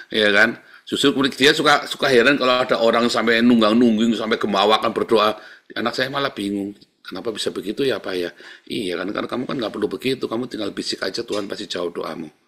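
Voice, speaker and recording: Gravelly middle-aged preacher. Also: male voice, lowish voice. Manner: emphatic, keeps calling out to the congregation; swings from soft murmurs to loud exclaiming. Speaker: pastor. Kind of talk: sermon.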